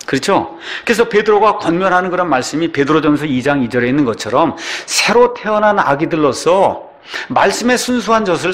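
An older man preaching a sermon as a pastor, often asking his listeners questions. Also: on the high side. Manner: animated, asks the congregation questions.

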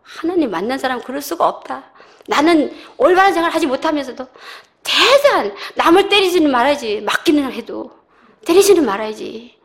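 A middle-aged woman shares her church testimony in a slightly high voice. She tells her story with animated energy, acting out other people's voices and laughing along the way. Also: brisk. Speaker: church member giving testimony. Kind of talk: personal testimony.

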